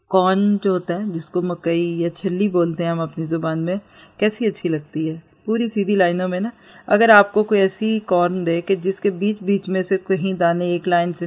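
Speaking in a lowish voice, a woman teacher gently explains parenting and religious outreach in an instructional talk, asking her listeners rhetorical questions along the way.

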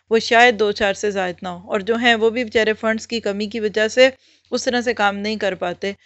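A woman's voice: fairly high pitch, a bit bright, no echo. A woman giving an Islamic religious lecture, explaining step by step and posing rhetorical questions that she answers herself. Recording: muffled lo-fi recording.

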